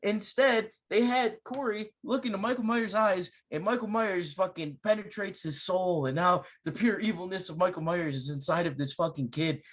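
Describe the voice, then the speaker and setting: A young man casually recapping a horror movie plot on a podcast, swearing often and telling it with animated energy. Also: sits high, moderate pace, few pauses. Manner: profane, animated storytelling. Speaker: podcast host. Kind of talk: casual movie review chat.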